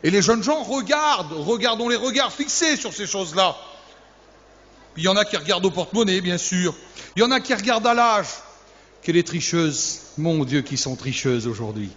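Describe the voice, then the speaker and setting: A man with a high, expressive, fairly bright voice speaks at a moderate pace as a youth pastor preaching to young people. He teases and jokes, peppering the sermon with rhetorical questions and repeating key words for emphasis. It was captured in an echoey church hall with dull, lo-fi audio.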